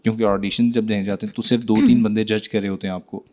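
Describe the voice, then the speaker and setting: A man's voice: fairly low pitch, flat delivery, mellow. A man with a Pakistani Urdu accent hosting a casual interview, asking probing and teasing questions. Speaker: interview host.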